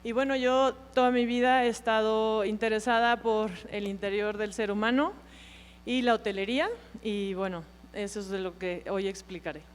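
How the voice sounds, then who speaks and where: A woman introducing herself as a hotel owner on a panel, soft and friendly. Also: medium pitch, steady tone, moderate pace, clear, resonant tone, big-room sound.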